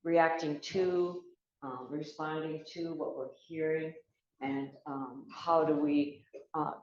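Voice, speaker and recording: Low-voiced older woman telling a story. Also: fairly even intonation, darkish tone, slight background noise. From United States. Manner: earnest, halting, with many fillers and restarts. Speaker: speaker telling a personal story. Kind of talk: reflective spoken storytelling. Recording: echoey, slightly dull room recording.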